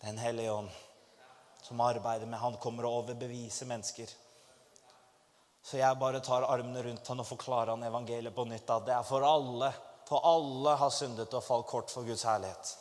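A man preaching a testimony to a congregation, telling his story in an animated way and rising to fervent exclamations. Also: mid-range voice. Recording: long hall reverb.

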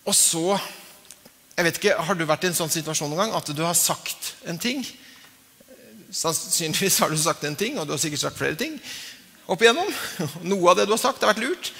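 A man's voice: fairly high pitch, expressive, gravelly, long pauses, bright, forceful tone. A man preaching a sermon in a conversational way, with frequent fillers and chuckles. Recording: long hall reverb.

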